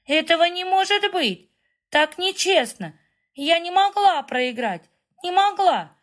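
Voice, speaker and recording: A woman doing a shrill, spoiled young girl. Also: lively intonation, unhurried. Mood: wailing. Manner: shrieking, petulant.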